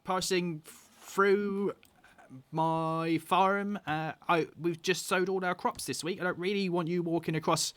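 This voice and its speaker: A man's voice: sits high, steady tone, measured pace, fairly bright tone, no room sound, voice pushed up. Man doing a wary halfling farm mother. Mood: suspicious. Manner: suspicious, scolding. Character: wary halfling farmer woman, protective mother.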